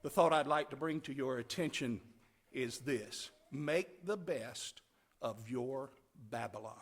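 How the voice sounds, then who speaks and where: A man preaching a camp meeting sermon in an emphatic, dramatic way, swinging between hushed phrases and loud cries and repeating short phrases for emphasis. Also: medium pitch, unhurried.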